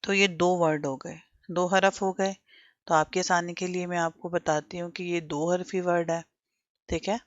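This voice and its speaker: A woman's voice: on the low side, little pitch movement, normal speed, dry recording, highs cut off. A woman teaching Quran letter sounds step by step, asking questions and having learners repeat after her. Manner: patient, drills learners with repetition and questions.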